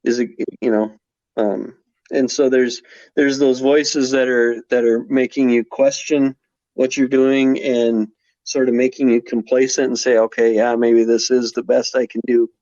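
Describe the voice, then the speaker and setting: A man's voice: mid-range voice, level tone, a little slow, warm tone, no echo. Reflective man in his forties. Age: 40s. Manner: reflective, many restarts and fillers. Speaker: podcast guest. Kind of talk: casual conversation. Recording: slightly dull podcast audio.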